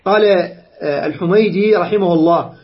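A man's voice: high-pitched, a little fast, highs cut off. A man giving an earnest religious lecture, explaining rulings point by point and citing sources.

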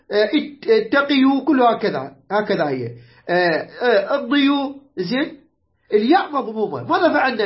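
A teacher with an Iraqi Arabic accent explaining grammar patiently, repeating words slowly, spelling out letters and often checking that students follow. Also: high-pitched, dull audio. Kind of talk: online grammar lesson.

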